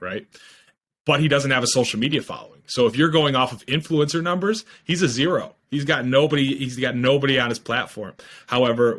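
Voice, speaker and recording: On a video call from a room at home, a young man in his twenties who founded a startup eagerly explains himself in a casual podcast interview, using lots of fillers. His headset picks up a mid-range, slightly bright voice.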